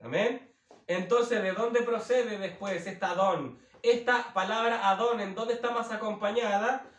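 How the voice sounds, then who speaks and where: A man teaching the Bible as a preacher, slowly repeating and rephrasing himself with many fillers. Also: high-pitched, fairly bright tone, distant mic. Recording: roomy, from away from the mic.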